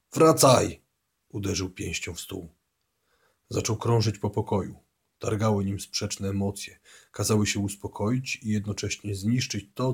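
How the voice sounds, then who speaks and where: A man reading a novel aloud as scripted audiobook narration, voicing the dialogue a little louder and livelier than the narration. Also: on the low side, creaky, slightly rough.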